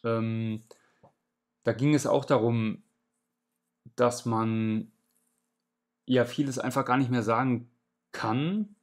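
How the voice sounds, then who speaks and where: A man in his thirties at home indoors, giving a measured, explanatory reaction commentary on a video. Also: mid-range voice.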